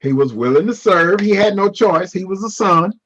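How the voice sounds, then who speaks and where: A high-voiced man with a husky edge leads a casual Bible class on a video call. He teases his students and reacts to the chat, and the call audio sounds dull and lo-fi. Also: animated, normal speed, a bit bright. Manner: playful, teasing, responds to chat. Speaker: Bible study teacher.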